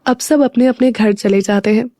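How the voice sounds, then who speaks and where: A woman narrating a scripted audio story in a steady storytelling manner. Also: on the high side, moderate pace, no echo, clean studio sound.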